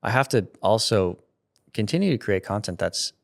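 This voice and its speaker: With a voice on the low side, a content creator in his thirties speaks at normal speed as an interview guest, using a studio mic and headphones. He's expressive and casual, rambling, restarting sentences and breaking into laughter often.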